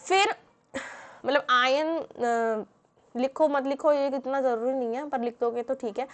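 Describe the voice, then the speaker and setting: A woman's voice: high-pitched, measured pace. A woman teaching a chemistry lesson, explaining step by step with frequent fillers and questions to the class. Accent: Hindi-English mix. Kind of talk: classroom lecture.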